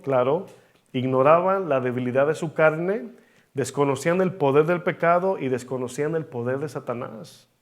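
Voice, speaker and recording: A man preaching a sermon as pastor, speaking directly to the congregation and acting out the voices in the stories he tells. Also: mid-range voice. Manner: preaching, addresses the congregation as brothers, acts out quoted voices.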